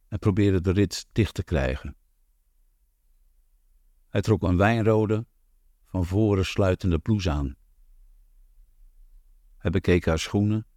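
A man narrating an audiobook in a calm, measured, even reading. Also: deep voice, no echo, studio quality. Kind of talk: scripted narration.

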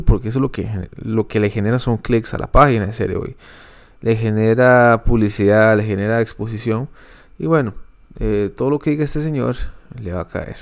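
Gravelly-voiced man hosting a commentary podcast. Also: medium pitch, a little mellow. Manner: opinionated, measured, frequent fillers and restarts. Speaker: podcast host.

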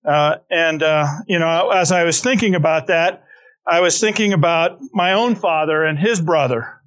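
A man's voice: fairly high pitch, normal speed, a bit bright. A middle-aged man preaching a conversational sermon, telling stories with frequent restarts and asides. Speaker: pastor.

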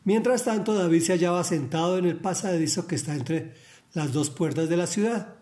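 A man's voice: high-pitched, moderate pace, dark tone. A man reading a Bible story and giving an earnest devotional reflection. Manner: earnest, emphatic, preachy.

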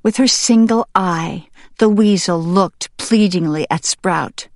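A woman narrating a children's novel in steady, measured storytelling. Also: fairly low pitch, no room sound, studio quality. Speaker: audiobook narrator. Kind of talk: scripted narration.

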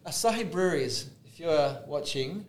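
A man's voice: a little high, expressive, moderate pace, slight background noise. A man hosting a podcast in casual chat, jokey and playful. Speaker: podcast host. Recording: roomy echo, faint music.

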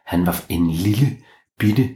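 A man improvising a bedtime story for a child, often pausing and searching for words. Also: deep voice, dark tone, echoey room.

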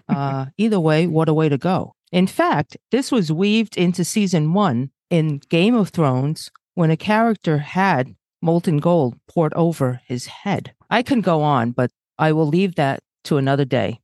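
A middle-aged woman co-hosting a podcast, chatting casually and reading out research with quick self-mocking asides. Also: low voice, expressive, darkish tone, no room sound, clean studio sound. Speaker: podcast co-host.

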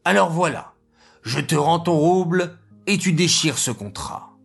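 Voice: medium pitch, animated, a little slow, vocal fry, breathy edge, faint music behind, full character voice. Narrator voicing a pleading diamond merchant. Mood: bargaining. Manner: pleading, placating. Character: diamond merchant, jovial then anxious.

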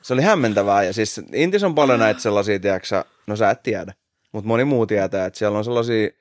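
A man's voice: lowish voice, no echo, studio quality. A man in his late twenties, a podcast host, telling an anecdote in casual chat, swearing freely and laughing as he goes. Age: 20s.

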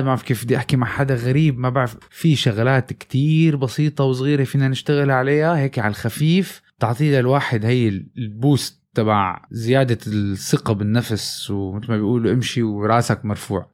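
A man with a Levantine accent talks rapidly in a casual motivational vlog. He speaks straight to the viewer with energy and often corrects himself mid-sentence. His voice sits at an ordinary middle pitch. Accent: Levantine Arabic. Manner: energetic, addresses viewers directly, with self-corrections. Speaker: vlogger. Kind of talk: casual motivational talk to camera.

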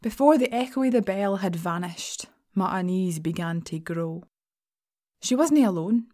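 Casting: actress as anxious, sardonic shop worker, female, broad Scottish accent, mellow timbre, sweary confessional monologue for audio drama. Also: medium pitch, expressive, a little slow, lightly acted. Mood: wry, uneasy. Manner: wry, confiding, sweary storytelling. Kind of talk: first-person dramatic monologue in an audio fiction podcast.

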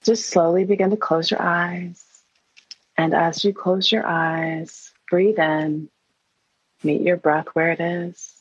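A woman leading a guided meditation in an airy, breathy, soothing and hushed voice, leaving long pauses. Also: on the low side, little pitch movement. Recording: roomy, dull lo-fi sound.

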